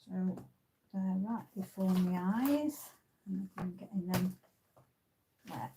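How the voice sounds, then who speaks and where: A woman's voice: lowish voice, takes it slowly, mellow, a little hiss or hum. A woman hosting a craft tutorial, thinking aloud as she works, with frequent ums and uhs. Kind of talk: casual crafting demonstration.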